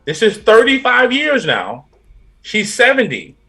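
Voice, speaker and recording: A man co-hosting a panel discussion, telling a story in a measured way. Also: very high-pitched, wildly swooping pitch, pushed and bright. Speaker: podcast co-host.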